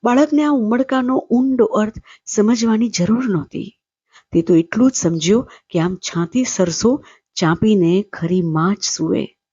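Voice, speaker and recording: A woman storyteller reading a literary short story aloud in a measured, steady way. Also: mid-range voice, slightly rough, dry recording, dull audio.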